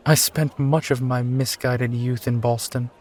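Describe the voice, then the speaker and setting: A man's voice: mid-range voice, fairly even intonation, measured pace, darkish tone, close to an everyday voice. A man playing a brooding, charming steampunk sky pirate captain and war veteran, talking wistfully and courteously in an immersive roleplay audio. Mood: nostalgic. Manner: wistful, courtly, rambling, given to sighs. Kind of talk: immersive one-sided roleplay audio acting.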